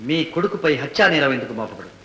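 An actor playing a sharp, insistent lawyer cross-examining witnesses in an old film. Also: male voice, a little high, very animated, rapid-fire. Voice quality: probing, insistent. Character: sharp probing male defence lawyer. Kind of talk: 1970s Telugu film acting. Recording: echoey old film soundtrack.

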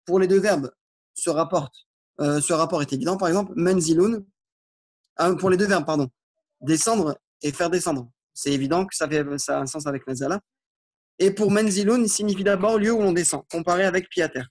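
Guy teaching arabic online, reads phrases slow then explains in french, voice a bit high. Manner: informal, reassuring explanations. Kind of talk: online language lesson.

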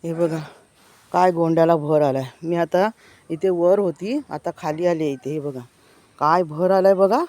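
A woman's voice: lowish voice, a little slow, warm tone, no room sound. Woman, walking village tour, enthusiastic, keeps saying look, outdoors, handheld phone, birdsong. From Konkan, India. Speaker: vlogger giving a village tour. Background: birds chirping.

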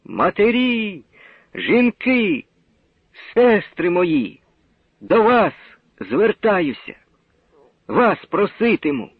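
A man's voice: high voice, expressive, a little slow, pauses often, breathy edge, no room sound, dull audio, pitched above the performer's own voice, full character voice. A man voicing a woman agitator who pleads earnestly with a village crowd in an oratorical manner.

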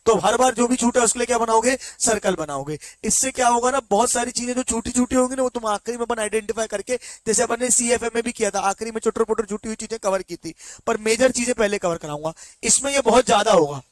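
A male teacher giving an online exam-prep lecture, mixing Hindi with slow English read-outs and quizzing students with quick check questions. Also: extremely high pitch, no echo.

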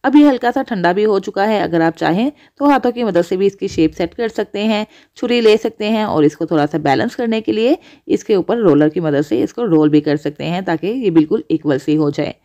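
A woman's voice: medium pitch, animated, brisk, few pauses, warm tone. A woman hosting a cooking channel, explaining each step of a recipe to viewers. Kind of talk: voice-over recipe instruction.

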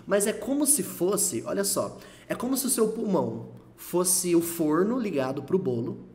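A man from Brazil giving a casual video lesson on English pronunciation, lively and repeating example words slowly to demonstrate. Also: high voice. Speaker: English teacher.

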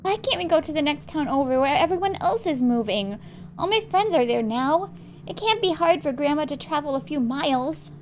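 A woman's voice: high-pitched, expressive, a little fast, slight background noise, pitched above the performer's own voice. A woman voicing a bored young boy in a game who complains in a whiny way.

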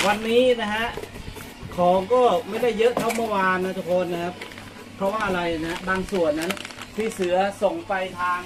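A man, chatting casually while packing orders in front of a coffee shop, tacking polite particles onto every phrase. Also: high-pitched. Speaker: vlogger packing orders for fans. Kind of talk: casual live vlog narration.

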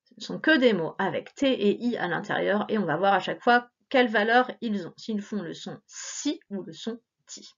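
A woman with a mid-range, animated voice speaks at a normal pace. She is a teacher running a remote reading lesson for young children, patiently and encouragingly sounding out words one syllable at a time. The recording is dull and lo-fi.

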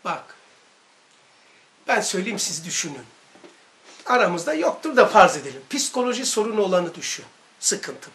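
High, bright-voiced male religious teacher. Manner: animated, barks mock military commands; rhetorical questions to listeners. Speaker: religious study-circle teacher. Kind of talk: informal religious lesson.

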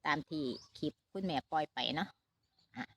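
A woman's voice: low voice, moderate pace, creaky, slight background noise. A middle-aged woman with an Isan Thai accent, chatting casually to her viewers in a family vlog update, filming on a phone outdoors at a shaded farm. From Northeast Thailand. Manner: chatty, talks straight to viewers with many fillers. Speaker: vlogger mother. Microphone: handheld phone camera.

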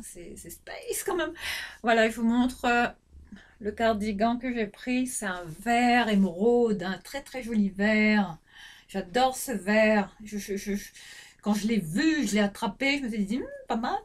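Woman, middle-aged, casual haul vlog, rambling, fillers, restarts, mid-range pitch, camera mic at home. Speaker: fashion vlogger.

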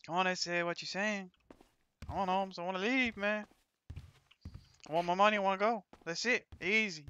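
A man's voice: high-pitched, steady tone, moderate pace, pushed and bright, clean tone, highs cut off. A man playing a hot-tempered, cocky Mexican bank robber in a video game role-play, with a Latin American accent and swaggering gangster slang. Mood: defiant.

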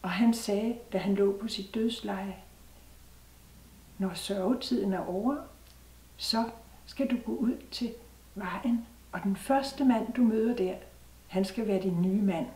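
A woman's voice: mid-range voice, pauses often, mellow, close to an everyday voice. Woman voicing an insistent young widow. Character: young widow welcoming a new husband. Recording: roomy sound from a distant mic.

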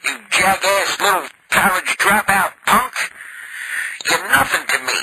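High-voiced man insulting over a noisy phone. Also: lively intonation, measured pace. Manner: abusive, taunting, insulting. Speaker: prank caller. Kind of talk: prank phone call.

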